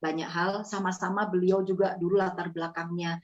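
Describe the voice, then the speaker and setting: Sharing her testimony as a guest, an East Javanese woman speaks earnestly to the host, addressing him as "Pak." Her voice is on the low side, a little fast, with little pitch movement, heard through slightly muffled audio.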